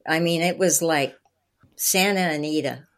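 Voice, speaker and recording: A woman's voice: low voice, unhurried. An older woman, a guest in an interview, telling anecdotes enthusiastically, laughing often and acting out quoted dialogue. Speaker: interview guest, former tour guide. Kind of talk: anecdotal storytelling.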